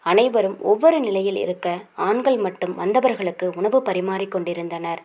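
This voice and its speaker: A woman narrating a romance novel aloud in a calm, steady reading voice. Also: medium pitch, moderate pace.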